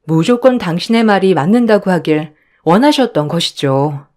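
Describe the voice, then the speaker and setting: A woman's voice: fairly low pitch, moderate pace. A woman narrating her own story and voicing herself as a hurt, pleading wife. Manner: expressive, hurt and pleading in dialogue.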